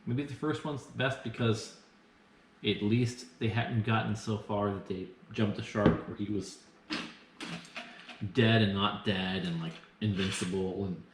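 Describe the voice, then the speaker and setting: A man's voice: on the low side, a little slow, a little hiss or hum. A tipsy man getting drunker as he hosts a casual film review, rambling with sarcasm and crude language. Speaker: host of a movie review show. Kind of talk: casual banter reviewing films. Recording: echoey, roomy sound.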